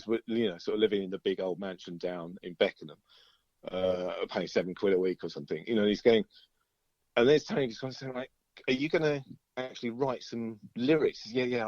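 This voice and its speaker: Rambling through stories in an interview, a chatty middle-aged British musician keeps chuckling as he talks. His voice is lowish and a little mellow, recorded dry with the highs cut off.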